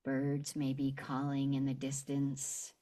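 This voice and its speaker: A woman whose voice is rumbling and low, with a monotone delivery, leads a guided meditation and visualization. Her manner is gentle and unhurried, marked by long pauses.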